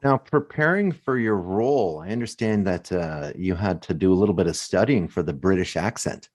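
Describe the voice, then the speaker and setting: A man's voice: low-pitched, lively intonation, normal speed, darkish tone. A man hosting a radio interview, asking questions and cracking light jokes. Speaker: radio show host. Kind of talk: casual interview chat.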